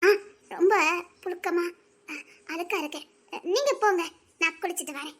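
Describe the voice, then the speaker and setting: A guilt-stricken young wife whose very high, thin voice trembles as she talks. She pleads through tears, and her words keep cracking into nervous, shaky laughs. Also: normal speed. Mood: hesitant. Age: young adult. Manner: tearful, remorseful, voice breaking into shaky laughs. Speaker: young wife in a drama series. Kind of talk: emotional drama acting.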